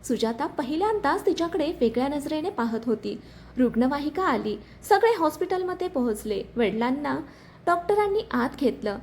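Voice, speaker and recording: A woman's voice: high voice, moderate pace, slight background noise. A woman telling a dramatic story in scripted narration. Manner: dramatic, expressive reading.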